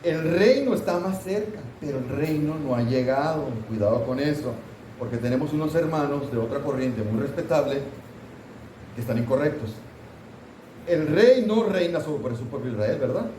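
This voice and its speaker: A man teaching a Bible class in a chatty, questioning way, calling on his students and teasing them a little. His voice is mellow and sits a bit high for a man. He is heard from some distance in an echoing church room. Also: expressive, moderate pace, a little hiss or hum. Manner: conversational, asks the class questions, mock scolding asides. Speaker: pastor teaching Sunday school. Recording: roomy church hall, voice from off-mic.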